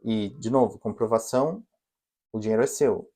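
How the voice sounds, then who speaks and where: A Brazilian man living in Canada co-hosts a casual podcast chat, his lowish voice mellow and warm at normal speed, with a Brazilian Portuguese accent. He explains things patiently and gives practical advice directly to his listeners.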